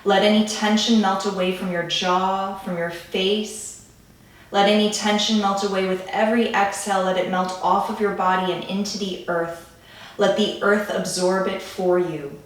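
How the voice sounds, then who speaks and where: A woman leading a calm grounding meditation in a gentle, soothing way, with pauses between phrases. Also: medium pitch. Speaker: meditation guide. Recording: echoey room, distant from the mic.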